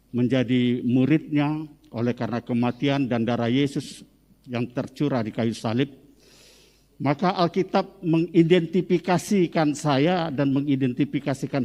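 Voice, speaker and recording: A man in his fifties from Medan, North Sumatra, Indonesia, speaking with a Medan Indonesian accent, delivers a sermon to his congregation. He speaks slowly and deliberately in a soft, mellow tone, then rises loud and high on the key lines. The church hall adds a long, lingering reverb to his voice.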